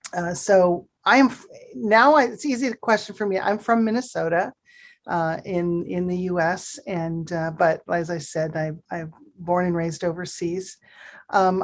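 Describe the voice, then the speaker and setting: Raised in Pakistan, a woman with a lowish voice is a guest answering interview questions. Her replies are reflective and measured, with frequent fillers.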